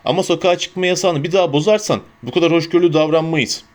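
Menacing dark-wizard enforcers , voiced by a man, issuing curt threats in a slightly raised voice. They sound cold and clipped, characters in an audiobook. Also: on the high side, fast, lightly acted. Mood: threatening.

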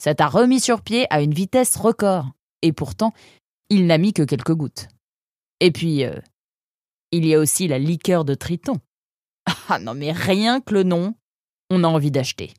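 A woman's voice: low-pitched, moderate pace, pauses often, no room sound. A woman plays a keen young male creature from a storybook, full of schemes and stumbling over filler sounds. He sounds dry and close to the mic. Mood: eager stammering. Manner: stammering with many "euh", excitable.

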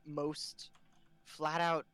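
A man's voice: on the high side, little pitch movement, very slow, a bit bright, clean tone, dry recording. A man with a cold co-hosting a casual gaming podcast, giving short, laid-back replies. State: has a cold. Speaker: podcast co-host.

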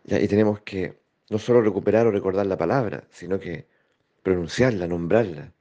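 A man giving a slow, reflective spiritual talk, pausing often and checking in with his listeners. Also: deep voice, warm tone. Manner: slow, thoughtful, with pauses and rhetorical checks. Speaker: spiritual teacher. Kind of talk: reflective spoken teaching. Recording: dull lo-fi recording.

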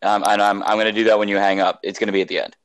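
A young man with a low voice co-hosts a casual podcast. He sounds easygoing and cheers his partner on. The recording is dry and close. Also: fairly even intonation, dry recording, low-quality recording. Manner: easygoing, quick to cheer along. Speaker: podcast co-host.

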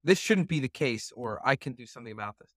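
Male podcast host, mid pitch; casual, hesitant, dry close mic. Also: animated, fast, fairly bright tone, dry recording. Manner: casual, hesitant, many fillers and restarts. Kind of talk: podcast interview.

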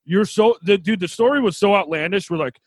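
A man with a high, rough-edged voice chats casually. He tells stories in slangy, profane language, captured with very little room sound. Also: fairly quick, darkish tone, dry recording. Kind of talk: casual podcast chat.

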